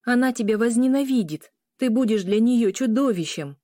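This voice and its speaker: A woman doing a gentle she-wolf sister. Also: fairly high pitch, expressive, normal speed, no echo, studio quality, pitched above the performer's own voice, close to an everyday voice. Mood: soothing. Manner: soft, soothing, conciliatory.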